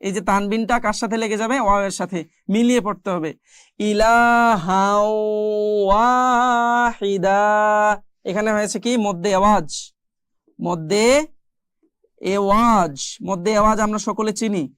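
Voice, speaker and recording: A woman teaching the rules of Quran recitation, explaining each step patiently with questions to the listener and stretching out the example sounds slowly. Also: medium pitch, no room sound, studio quality. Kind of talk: tajweed lesson with slow, drawn-out recitation examples.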